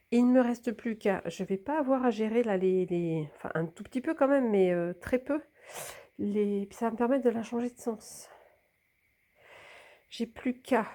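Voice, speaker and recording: A plant vlogger narrates casually as she films and works with a hanging plant, frequently slipping into whispers. Her voice sits a little high with a dark tone, and a slight cold leaves her a bit stuffed up.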